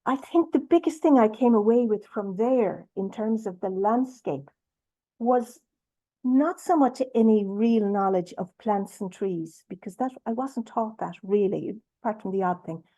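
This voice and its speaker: An Irish woman speaking on a video-call webinar, hesitant with many pauses and restarts, moving between Irish and English. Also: mid-range voice, mellow, low-quality recording. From Ireland. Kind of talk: bilingual webinar talk.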